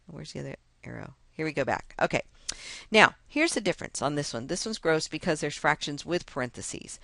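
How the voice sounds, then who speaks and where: A woman's voice: low-pitched, a bit bright, no echo. A woman math teacher talking through a lesson step by step in a chatty, self-mocking way. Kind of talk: casual screen-recorded lesson walkthrough.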